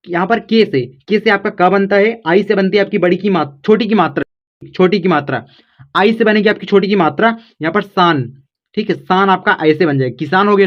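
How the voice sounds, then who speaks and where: A man's voice: high voice, a little fast, lo-fi sound. A man teaching a spoken tutorial lesson, explaining patiently and checking in after every step. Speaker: English teacher.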